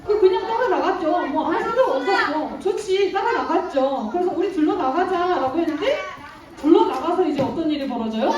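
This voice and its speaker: A woman's voice: very high voice, animated, fairly quick, dull audio, heavy background noise. A woman teaching children in Sunday school, telling a Bible story and asking them questions, praising their answers and laughing often. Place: church room with children. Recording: echoey room from far off.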